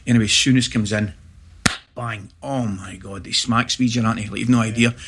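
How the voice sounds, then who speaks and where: A middle-aged Scottish man, a former footballer, telling lively anecdotes in casual chat and laughing through them. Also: fairly low pitch, moderate pace, noisy background. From Scotland. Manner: animated anecdote teller, laughs through stories.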